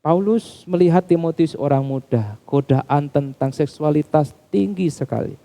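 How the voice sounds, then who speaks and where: A man preaching a sermon in a church, calling the congregation Bapak Ibu Saudara as his pitch climbs and drops. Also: normal speed, creaky, mellow. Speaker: pastor.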